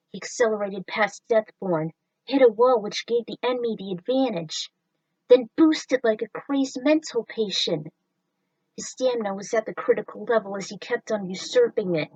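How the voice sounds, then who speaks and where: A woman's voice: on the high side, no room sound, distant mic, rough recording. Chatty woman reading fan fiction. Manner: enthusiastic, chatty asides between passages. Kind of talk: reading fan fiction aloud with casual asides. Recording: dry voice set back from the mic.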